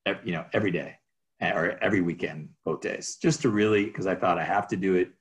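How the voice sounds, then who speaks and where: Really deep voiced guy, realtor, rambly storytelling w lots of restarts. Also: fast talker. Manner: rambling, restarts, animated anecdotes. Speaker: real estate agent. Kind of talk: storytelling in an interview.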